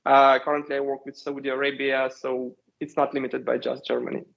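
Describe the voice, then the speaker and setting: A man in his thirties from Ukraine with a Ukrainian accent, a company founder giving measured interview answers with frequent hesitations. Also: medium pitch, level tone, vocal fry. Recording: dull lo-fi sound.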